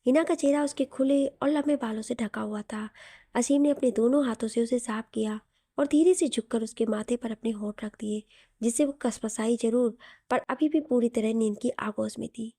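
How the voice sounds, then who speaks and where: A woman narrating a romantic audio story in a soft, even way. Her voice sits on the higher side and sounds mellow and warm. The recording is close and dry, with no room sound. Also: normal speed, no echo.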